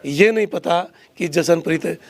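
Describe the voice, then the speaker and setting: A man's voice: on the high side, a little slow, creaky, no echo. A man reporting in the field for local news, interviewing a family and appealing earnestly to viewers.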